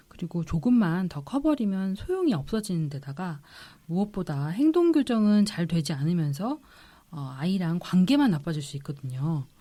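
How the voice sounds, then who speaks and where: A woman child psychiatrist on a podcast, giving calm, measured parenting advice. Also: fairly low pitch. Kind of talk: podcast expert explanation.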